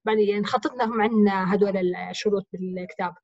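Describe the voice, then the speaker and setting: A woman's voice: medium pitch, fairly even intonation, fast, a little mellow, no echo, muffled recording. A woman teacher with a Levantine accent, explaining grammar step by step by asking and answering her own questions in a recorded lesson. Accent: Levantine Arabic. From Jordan.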